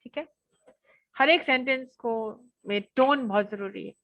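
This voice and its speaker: A young adult woman giving an online college lecture, lively and often laughing as she acts out examples with her voice. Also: fairly high pitch, a little slow, no echo, lo-fi sound.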